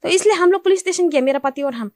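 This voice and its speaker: High-voiced young woman, close and dry. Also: expressive, fast talker, a little mellow, no room sound. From Assam. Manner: speaks Hindi with non-standard grammar, repeats "ऐसे बोला". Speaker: complainant interviewed. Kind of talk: recounting events to reporters.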